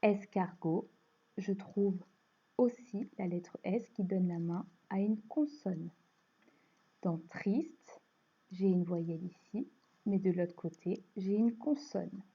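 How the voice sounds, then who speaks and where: A woman with a French accent teaching a phonics lesson to young children, explaining slowly and patiently. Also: mid-range voice, warm tone, breathy edge. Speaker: primary school teacher. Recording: dull lo-fi recording.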